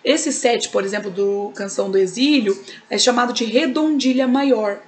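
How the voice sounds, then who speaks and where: A Brazilian woman teaches a recorded lesson, her voice set a little higher than most. She explains step by step and keeps checking in with her students. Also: moderate pace. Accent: Brazilian Portuguese. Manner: explanatory, checks in with frequent tags.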